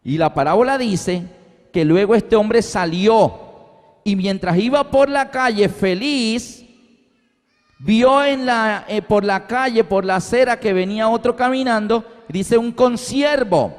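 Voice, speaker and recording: A man's voice: high voice, takes it slowly. A man preaching a sermon, telling the story with animation and acting out the voices of the people in it. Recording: long hall reverb.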